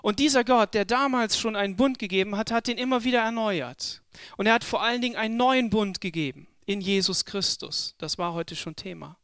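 High, smooth-voiced male preacher, dry sound. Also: fairly bright tone, dry recording. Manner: slow, emphatic, repeats words for stress. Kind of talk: sermon.

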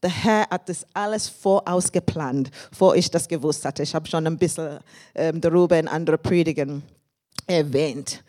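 A woman in her fifties from England, with an English accent on her second language, preaching as a guest and sharing personal testimony with laughs and shouts of praise. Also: low-pitched, moderate pace. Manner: warm and thankful, with frequent laughs and praise shouts.

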